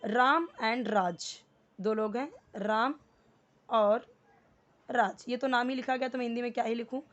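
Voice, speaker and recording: A woman with an Indian accent teaching English step by step, patiently explaining each word and reading the English lines slowly. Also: on the high side, steady tone, muffled recording. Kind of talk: step-by-step language lesson.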